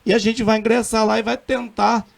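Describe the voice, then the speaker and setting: This middle-aged Brazilian city councilman speaks Portuguese with a Minas Gerais accent, his voice high, creaky, a little fast and with little pitch movement. In a radio interview he talks earnestly and emphatically, often restarting his sentences.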